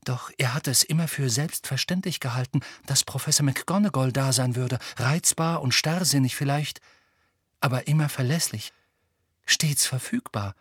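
A man narrating an audiobook in a dramatic, expressive storytelling manner. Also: medium pitch, normal speed, slightly rough, dry recording, studio quality. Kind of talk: scripted narration.

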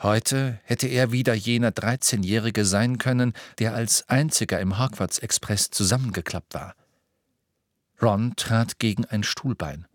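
A man narrating an audiobook with steady, measured storytelling. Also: fairly low pitch, dry recording, clean studio sound. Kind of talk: scripted narration.

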